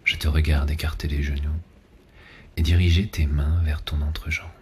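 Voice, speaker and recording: Seductive male lover, acted by a man, ASMR role-play, very low pitch, breathy murmur right in your ear, erotic audio drama, noisy background. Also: flat delivery, a little mellow. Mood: sensual, slow. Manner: slow, intimate, breathy murmur close to the ear. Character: seductive male lover on a night train, intimate and ardent.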